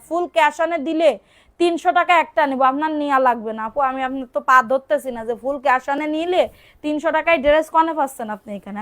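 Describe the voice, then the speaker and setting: A woman selling clothes on a live stream, repeating prices and urging viewers to order quickly, and sometimes scolding commenters. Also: high voice, fairly bright tone. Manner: brisk, repetitive, urging buyers to order fast. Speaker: online clothing seller. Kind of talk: live-stream sales pitch.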